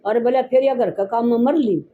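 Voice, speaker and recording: A woman's voice: a little high, moderate pace. A woman with a Haryanvi accent retells a true village story in casual chat. She keeps quoting what people said and repeats fillers as she goes. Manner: animated retelling full of quoted speech and repeated fillers. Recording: dull lo-fi recording with faint noise.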